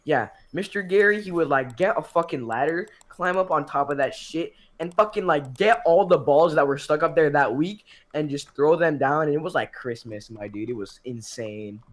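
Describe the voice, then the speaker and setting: A man's voice: on the high side, normal speed, few pauses. A man on a casual podcast chat, rambling through a school memory with lots of swearing and restarts. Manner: rambling and profane, with filler-heavy restarts. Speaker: podcast co-host.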